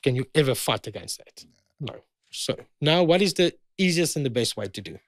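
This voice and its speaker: A man's voice: medium pitch, lively intonation, a little fast, no echo, studio quality. A South African man in his fifties, a guest in a heated conversation, pressing and repeating his points. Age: 50s.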